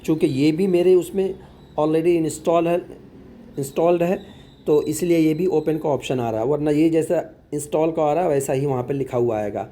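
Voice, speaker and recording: A man's voice: a little high, moderate pace, dark tone, a little hiss or hum. A man working as an online tutor, patiently explaining a phone app step by step in a tutorial voice-over and repeating words as he goes.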